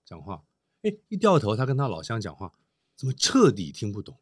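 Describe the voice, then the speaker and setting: A man's voice: fairly low pitch, wildly swooping pitch, brisk. A man who performs crosstalk comedy, a guest telling stories in a blunt, emphatic way in a casual podcast chat.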